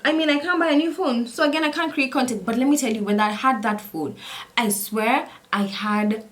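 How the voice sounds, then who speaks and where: A young woman telling a story in a casual chat while doing her makeup, animated and repetitive, slipping in Swahili words. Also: mid-range voice. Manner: animated, repeats phrases, mixes in Swahili words. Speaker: vlogger.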